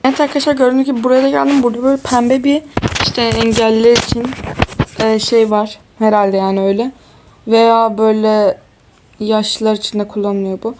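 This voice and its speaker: A woman's voice: a little high, flat delivery, a little fast, darkish tone, a little hiss or hum. A tired young woman chatting casually through a life-sim game, exclaiming and talking to her viewers as friends. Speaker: gaming YouTuber. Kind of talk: casual game walkthrough commentary.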